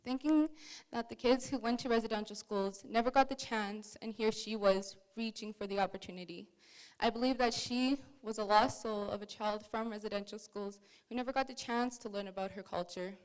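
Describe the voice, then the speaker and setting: Smooth-voiced young woman reading her story. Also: mid-range voice, steady tone, low-quality recording. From Canada. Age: young adult. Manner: earnest, measured, heartfelt. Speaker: speaker at a museum talk. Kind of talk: reading a prepared personal story.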